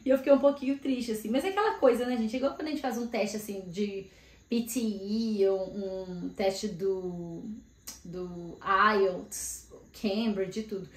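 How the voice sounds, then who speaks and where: A woman's voice: mid-range voice, a little slow. A woman from Brazil in her thirties, a career mentor talking casually to camera and thinking aloud with lots of filler words. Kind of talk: casual vlog talk to camera. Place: home room in Australia. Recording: echoey room.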